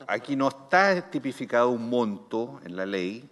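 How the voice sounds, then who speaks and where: Chilean male chair, formal and brisk, reverberant chamber. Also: mid-range voice, sing-song, fairly bright tone. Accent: Chilean Spanish. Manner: detailed questioning, brisk. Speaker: committee chair. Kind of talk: formal committee proceedings. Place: senate committee room. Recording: long reverb in a hall.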